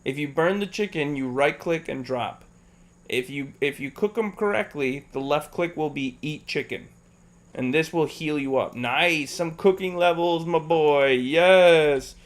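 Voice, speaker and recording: A man with a slightly slow, high-leaning voice streams a game as he coaches a friend, going step by step and patiently repeating himself. Jokes and laughter break up his instructions.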